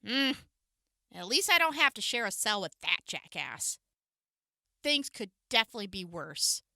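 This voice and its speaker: A woman's voice: medium pitch, very animated, normal speed, vocal fry, pushed and bright, no room sound, clean studio sound, full character voice. A woman playing a flustered, foul-mouthed young prisoner in an audio drama. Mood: irritated.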